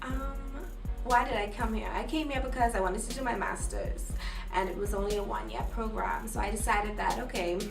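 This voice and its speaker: A woman from the Bahamas explains things in a matter-of-fact way. Her voice is mid-pitched and a little distant from the mic. Music plays under it in an echoey room. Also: steady tone, a little fast, gravelly. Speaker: interviewee. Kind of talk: documentary interview.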